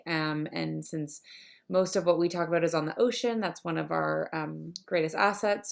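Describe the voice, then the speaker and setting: A woman's voice: lowish voice, gravelly. A woman hosting a podcast, chatty and upbeat, with frequent ums. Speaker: podcast host. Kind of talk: casual podcast chat.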